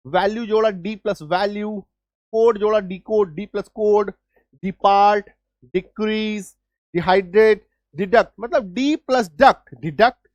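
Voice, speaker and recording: A man's voice: high-pitched, no room sound. Man teaching, checking in constantly. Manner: repeats words and keeps checking understanding; patient, step-by-step explaining. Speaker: English teacher. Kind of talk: spoken language lesson.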